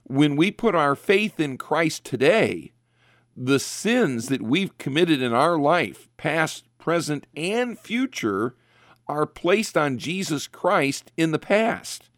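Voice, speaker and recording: A man's voice: on the high side, lively intonation, takes it slowly, no echo, clean studio sound. A man earnestly explaining theology on a talk show, repeating phrases for emphasis. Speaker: guest Bible teacher.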